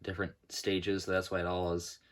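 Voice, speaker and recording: A young hobbyist with a low, deep voice and a completely flat delivery walks through his model airport build in a casual, meandering way. He leans on "uh" fillers, corrects himself often, and his throat comes across as sore and dry.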